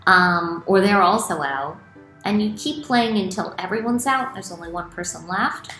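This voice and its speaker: A middle-aged woman who writes children's books reads aloud and explains things to kids with lots of expression, in a small room at home. Her voice is on the low side and her pace moderate. The rough recording sounds roomy, with faint music in the background.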